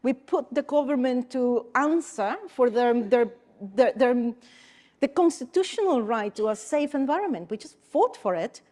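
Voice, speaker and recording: Woman from Costa Rica, conference panelist, slightly higher voice, earnest and emphatic with repeated phrases. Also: lively intonation, normal speed, darkish tone. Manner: earnest, emphatic storytelling with repetitions.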